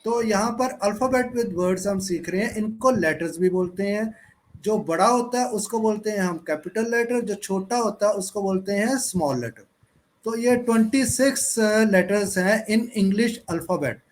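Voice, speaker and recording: A man teaching English in an online class, speaking slowly and spelling out words letter by letter. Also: high voice. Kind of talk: online class lecture mixing Hindi and English.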